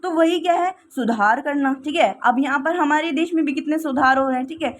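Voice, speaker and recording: A woman with a high voice explains vocabulary in a relaxed, chatty teaching style. She keeps checking in with her listeners as she goes. A faint hum of background noise sits under her voice. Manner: repeats "ठीक है" constantly, explains slowly with everyday examples. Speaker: English teacher. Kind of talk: casual classroom-style vocabulary lesson.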